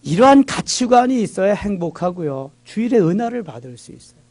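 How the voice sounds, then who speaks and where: A man's voice: high voice, big pitch swings, brisk, darkish tone. A man preaching a Korean church midweek sermon, reading scripture aloud and driving points home with emphatic repetition. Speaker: pastor. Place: church sanctuary.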